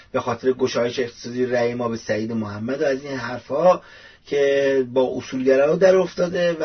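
A man's voice: mid-range voice, slightly rough. A man hosting his own commentary show, talking casually and rambling with many fillers. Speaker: youtube show host. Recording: dull lo-fi audio.

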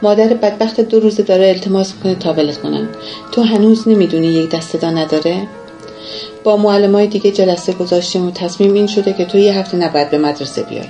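A woman's voice: mid-range voice, warm tone, soft background music, natural voice. A woman voicing a stern male school principal who scolds and talks down in a narrated story. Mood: scolding. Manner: scolding, condescending.

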